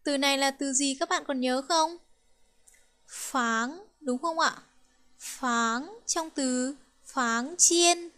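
A woman teaching Chinese with a Vietnamese accent, counting strokes aloud and drilling words slowly and carefully. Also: sits high, sharp tone. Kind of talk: slow, careful language lesson.

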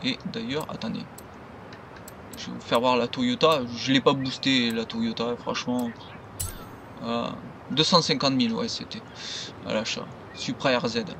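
A man's voice: medium pitch, steady tone, moderate pace, vocal fry, fairly bright tone, slight background noise. A man giving loose, rambling commentary over his gameplay as a gaming video creator.

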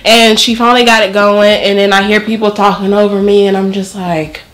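A woman in her twenties vlogging in a casual, expressive storytelling style, recorded in a small bedroom. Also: medium pitch, fairly quick. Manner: expressive, acts out quoted exchanges. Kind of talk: casual storytelling and reaction commentary.

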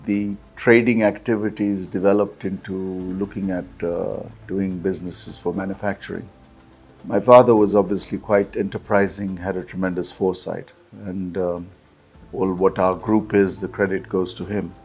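Older man, low voice, steady reflective interviewee, office setting. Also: moderate pace, faint music behind. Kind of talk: interview recollection. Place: indoor office.

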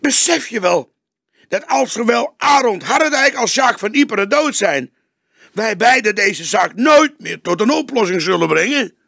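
An impatient young detective argues in a high, urgent voice, as a man reading an audiobook puts him on. The tone is bright and tense with a gravelly edge. Pitch jumps lively from phrase to phrase. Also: normal speed, no echo, clean studio sound, exaggerated voice. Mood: heated. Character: young male police detective, agitated and impatient.

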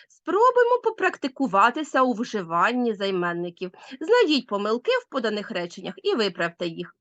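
A woman teacher giving a recorded grammar lesson, speaking clearly and stressing words with care. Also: medium pitch, fairly bright tone, no room sound.

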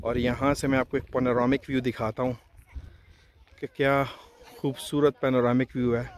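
A man's voice: mid-range voice, level tone, normal speed. A man casually narrating a travel vlog, chatting to viewers and pointing out the views while out on a mountain and then in a hilltop restaurant. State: short of breath while hiking. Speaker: travel vlogger.

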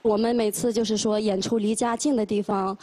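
A woman's voice: mid-range voice, level tone, brisk, warm tone. A woman, a professional acrobat and mother, speaking earnestly and from the heart in an interview on a TV studio stage. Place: large indoor TV studio stage. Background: music.

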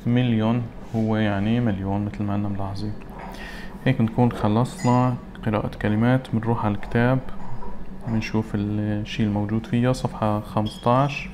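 A man teaching an English lesson. He reads English words slowly and then translates them. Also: lowish voice, flat delivery, background noise. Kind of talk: recorded classroom lesson.

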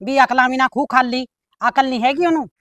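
Woman playing a firm village elder, Malwa Punjabi accent, higher-pitched, reassuring. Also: quick pace, a bit bright, no echo. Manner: firm, reassuring, uses proverbs. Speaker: visiting elder sister, called bebe. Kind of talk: village short film acting.

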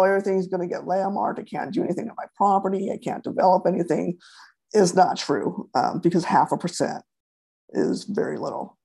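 A woman's voice: lowish voice, vocal fry, mellow, husky. A woman giving a webinar presentation over a video call, hesitant, with many fillers and restarts.

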